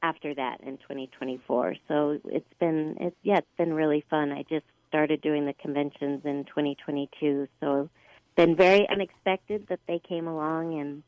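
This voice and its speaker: Low-voiced woman guest, friendly, lots of ums, dull dry audio. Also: steady tone, no room sound. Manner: friendly, halting, many fillers. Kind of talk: casual interview chat.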